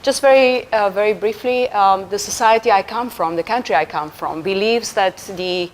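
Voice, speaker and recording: A woman from Romania, a UN official speaking as a guest in a radio interview, measured and formal with frequent ums. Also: mid-range voice, a little hiss or hum, poor audio.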